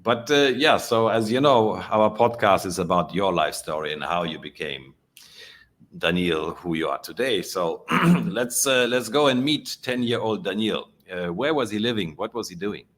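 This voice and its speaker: Very deep-voiced podcast host man. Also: normal speed, fairly bright tone. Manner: friendly, frequent listening murmurs. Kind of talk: casual interview.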